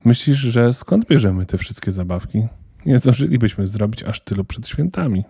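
A man's voice: medium pitch, animated, normal speed, creaky, mellow, breathy edge, dry recording, studio quality. A man voicing a small, fussy male Christmas elf who talks in a flustered, indignant, stern way.

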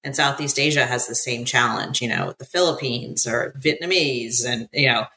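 A very deep, pushed and bright voice belongs to an American woman chatting at a moderate pace as an interview guest. The conversation is casual, and she fills it with verbal fillers and frequent laughs.

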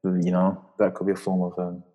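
A man's voice: low voice, monotone, brisk, warm tone, dull audio. A man in his twenties with a British urban roadman accent, chatting casually and slangily on a group podcast. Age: 20s. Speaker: podcast panellist.

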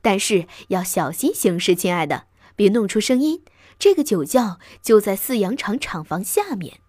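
Storybook father fox: sly, calm, gentle , a woman reading, a bit lower than her own voice. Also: moderate pace, dry recording, clean studio sound. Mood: cautious.

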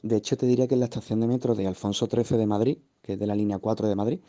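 Man, very dark timbre, rambling storyteller, guest. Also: lowish voice, steady tone, very fast. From Seville, Spain. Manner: vivid, meandering retelling with asides. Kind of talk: personal storytelling.

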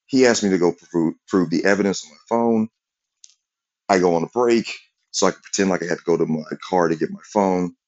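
A man's voice: low-pitched, brisk, darkish tone, lo-fi sound. A man telling a rambling, profane story about work in a casual rant.

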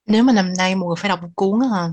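A woman's voice: mid-range voice, rapid-fire, darkish tone. A woman co-hosting a casual book podcast, talking bluntly with slang and trailing off her sentences. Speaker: podcast co-host.

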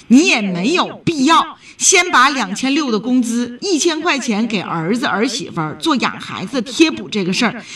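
Heard from a distant mic, this radio advice host has a bright, forceful voice on the high side. Fielding calls, she lectures her callers firmly, pitching her voice louder so the message sinks in.

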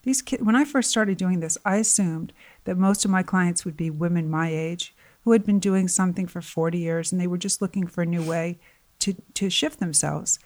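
A woman's voice: lowish voice, moderate pace. A middle-aged woman guesting as a life coach, talking earnestly in a conversational interview, her voice tiring. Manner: earnest, animated when quoting others. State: voice getting tired.

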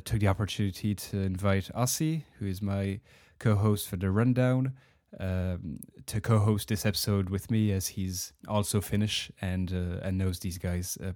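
Low, smooth-voiced male podcast host. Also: no room sound, studio quality. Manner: relaxed, many filler words. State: getting over a heavy cold. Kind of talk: casual podcast intro.

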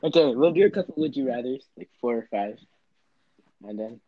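A man's voice: mid-range voice, lively intonation, fairly quick, no room sound, lo-fi sound. A teenage guy hosting a casual video-call chat with friends, teasing and laughing often. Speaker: host.

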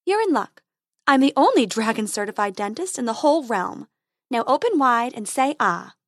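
Woman doing a brisk fairy dentist, high, lively, cheerful, storybook. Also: no echo, studio quality.

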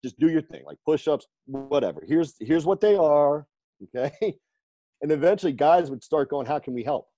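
A man who coaches firefighters on fitness, telling stories in an interview, lively and laughing often as he acts out the people he quotes. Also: on the high side, normal speed, no room sound. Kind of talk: storytelling in a conversational interview.

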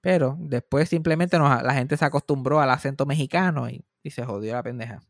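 A man with a Puerto Rican accent tells a long story on a podcast in loose, rambling chat, swearing freely and restarting his sentences. His voice sits at an ordinary middle pitch. The sound is dry and close, with no room echo. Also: fairly quick, gravelly. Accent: Puerto Rican Spanish. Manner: rambling and profane, with frequent restarts. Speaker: podcast host.

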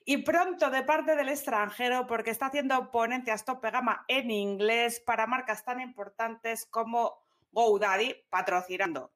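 A woman's voice: fairly high pitch, unhurried, fairly bright tone. A chatty woman hosting. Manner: chatty, playful, slangy. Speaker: podcast host. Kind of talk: casual interview chat.

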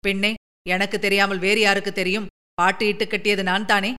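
A woman reading a story, voicing an eager, talkative young man who speaks in rapid, excited bursts. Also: medium pitch, clean tone, voice pushed down, natural voice. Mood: cheerful, eager.

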